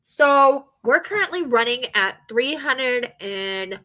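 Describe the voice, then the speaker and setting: A chatty woman with a bright, forceful voice tells stories in a loose, rambling way. She sits a little high in her range and keeps acting out what people said to her. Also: expressive, slow. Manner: chatty, rambling, acts out quotes. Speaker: hotel front desk worker. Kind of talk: casual storytelling chat.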